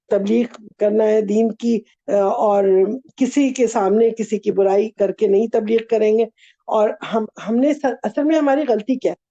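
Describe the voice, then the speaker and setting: A woman with a high, mellow voice gives an earnest religious talk, asking her listeners one rhetorical question after another. She mixes English words into her speech. The recording is dull and lo-fi. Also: no echo. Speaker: religious speaker.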